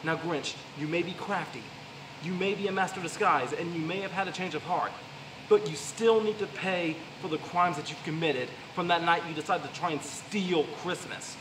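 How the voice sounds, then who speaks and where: A man's voice: a little high, normal speed. A young American man delivering a theatrical wrestling promo full of cocky trash talk. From the Carolinas, United States. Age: young adult. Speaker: wrestler persona cutting a promo. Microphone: handheld microphone, filmed by camera. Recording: roomy, distant, clearly noisy sound.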